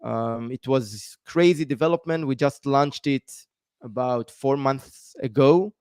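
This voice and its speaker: A man's voice: mid-range voice, unhurried, darkish tone, smooth, no room sound, studio quality. A man, a guest explaining at length in a live-stream interview with many ums. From Israel. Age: 30s. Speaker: guest, tech founder.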